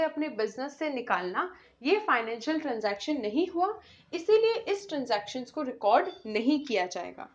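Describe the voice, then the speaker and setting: A woman teaching an accounts lesson, explaining step by step and asking and answering her own questions, reading definitions slowly. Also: high-pitched, muffled recording. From India. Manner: mixes in English terms and reads English definitions slowly. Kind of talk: classroom lecture.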